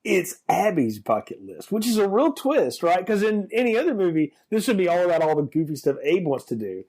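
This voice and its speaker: A man co-hosting a film podcast, chatting casually and expressively with quick asides. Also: high voice, very animated, a little mellow. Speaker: podcast co-host. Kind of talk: casual film review chat.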